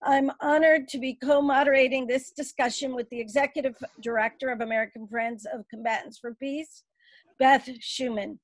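An older woman in her sixties co-moderating a webinar, giving clear, organized instructions. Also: high-pitched, steady tone, moderate pace, dry recording, poor audio. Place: home study indoors. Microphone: headset on video call.

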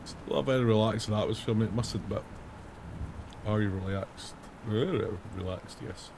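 Worn hoarse from days of singing, a man in his thirties with a slightly low, raspy, gravelly voice hosts a casual let's-play from a room at home, speaking at normal speed into a headset. He reads the on-screen questions out loud and answers them, joking in between, while a steady noisy hiss sits in the background.

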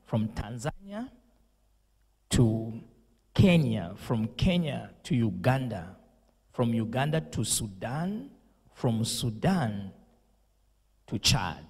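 On a purple-lit indoor studio set, a young pastor from Zambia holds a handheld mic and delivers a solemn condolence message and prayer. His voice is on the low side, a little mellow with a breathy edge, and he speaks slowly with preacher's emphasis over a long reverb tail.

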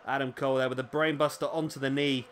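A man's voice: mid-range voice, little pitch movement, fast talker, background noise. A man with hiccups giving casual play-by-play commentary on a wrestling video game. He is chatty, often adds tag questions and corrects himself.

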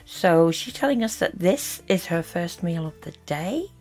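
A woman's voice: on the low side, expressive, measured pace, a little mellow, soft background music. A woman giving critical reaction commentary as host, disapproving and full of sarcastic asides.

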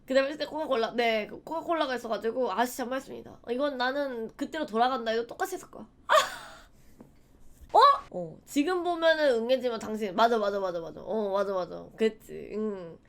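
A young woman in her twenties chats on a livestream in a high voice. She laughs readily and acts out old stories in a loose, chatty way. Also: fairly quick. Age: 20s. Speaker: streamer. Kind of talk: casual livestream chat.

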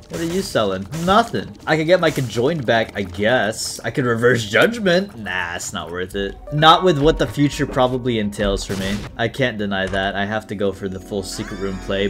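Excitable young man commentating a game. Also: medium pitch. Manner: excitable, laughs often, talks to himself and the game. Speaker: gaming YouTuber. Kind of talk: casual gameplay commentary.

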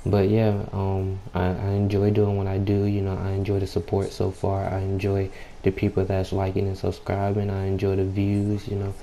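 Young man, gaming YouTuber. Deep, subdued, unhurried voice, extremely flat delivery, casual slangy commentary. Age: young adult. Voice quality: low, subdued voice. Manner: unhurried, laid-back, slangy, frequent "you know" filler; keeps clearing throat. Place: at home late at night, people nearby. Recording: home mic with background noise.

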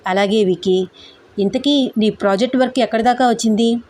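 A woman reading an audio story, voicing an affectionate young female college student who speaks softly and pleadingly. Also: a little high, brisk, natural voice.

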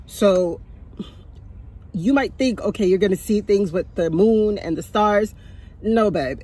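A fifty-something vlogger chats from her parked car on a sunny day, holding the phone out at arm's length and dispensing casual tips, laughing softly and repeating herself for emphasis. Her medium-pitched voice is somewhat mellow with a breathy edge.

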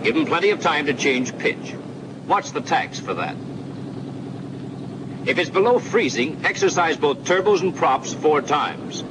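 Against a drone of aircraft engines on an old film soundtrack, a somewhat high, animated male voice, a little slow, addresses the viewer as "you" in a 1940s military training film, walking through procedures in an instructive way.

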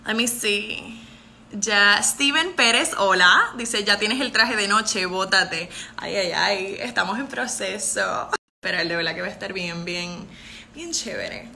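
At a normal speed, a mid-range female voice comes through with vocal fry and a bright, forceful tone, plus a little hiss or hum. The speaker, from Puerto Rico and in her 20s, is a pageant contestant hosting a livestream in a bright room, recorded on a phone camera held close. With her Puerto Rican accent, she laughs often, replies to viewer comments, and alternates between Spanish and English.

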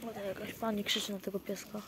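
A man's voice: high-pitched, flat delivery, fairly quick. A man keeping pigeons, talking casually to his viewers outdoors by the loft in a rambling way with many fillers and restarts. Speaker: pigeon keeper. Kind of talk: casual vlog narration to viewers. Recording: outdoor noise with cooing pigeons. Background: pigeons cooing.

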